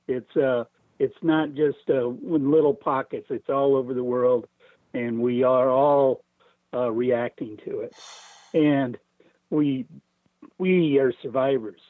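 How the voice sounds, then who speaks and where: A man's voice: mid-range voice, no room sound. A man calling in over the phone, reading a poem and speaking in an earnest, hopeful way. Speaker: caller reading poetry. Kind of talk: slow earnest reading and chat. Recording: tinny phone line.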